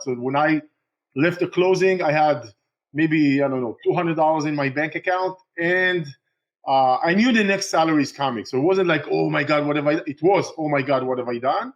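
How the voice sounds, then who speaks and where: Israeli-born man, halting, lo-fi. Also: fairly high pitch. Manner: halting, many fillers and restarts. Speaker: guest, real estate investor. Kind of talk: casual interview talk.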